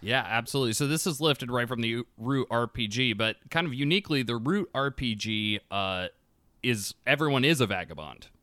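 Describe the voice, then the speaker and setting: A man's voice: medium pitch, expressive, normal speed, sharp tone, no room sound. A man hosting a casual game podcast, talking in an upbeat, loose way. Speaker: podcast host.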